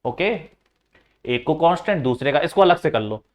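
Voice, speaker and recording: A man's voice: on the high side, lively intonation, normal speed. A male teacher working through a maths lesson step by step, coaxing and repeating the key points straight to his students.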